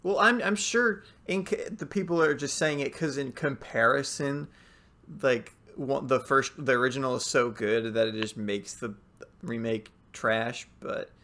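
A man's voice: medium pitch, measured pace, a bit bright. A young man chatting casually on a call, easygoing and unsure, often trailing off. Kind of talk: casual chat. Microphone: remote call.

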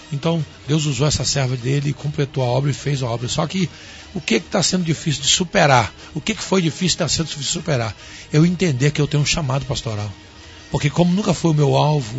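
A man's voice: on the high side, gravelly. A man with a Brazilian Portuguese accent, a pastor giving a folksy, preachy testimony in a radio interview. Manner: folksy, preachy, addresses listener as "rapaz". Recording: dull radio broadcast, faint music.

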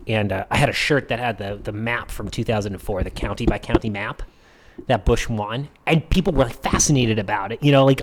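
A man's voice: mid-range voice, slight background noise. A man in his thirties with a standard American accent, co-hosting a podcast in casual banter and telling stories animatedly. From United States. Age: 30s. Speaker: podcast co-host.

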